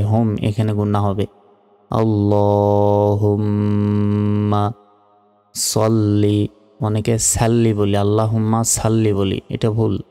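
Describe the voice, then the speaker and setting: Male teacher, low and even, unhurried lesson delivery, long reverb. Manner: slow, drawn-out Arabic recitation between Bengali explanations. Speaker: religious teacher. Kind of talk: recitation lesson. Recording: reverberant with faint music. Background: faint music.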